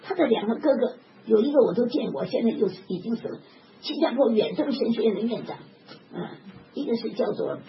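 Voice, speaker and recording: An older woman preaching a sermon in an animated, emphatic way, often chuckling. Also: on the high side, brisk. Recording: dull lo-fi recording with background noise.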